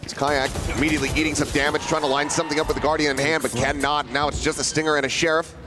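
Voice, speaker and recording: A man working as an esports caster, giving dramatic, flowing, excited play-by-play commentary on a live match. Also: fairly high pitch, very fast, noisy background.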